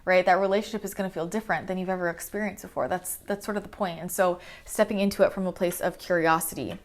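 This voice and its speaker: A woman's voice: fairly low pitch, steady tone, fast talker. A woman chatting casually through a monthly spiritual energy reading, upbeat and loose, full of "like" and "right?". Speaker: spiritual channel and mentor.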